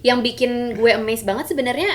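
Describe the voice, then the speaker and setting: A young woman, chatting as a guest on a podcast, animated and slangy, mixing in English words. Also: a little high, brisk, slight background noise. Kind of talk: casual podcast chat.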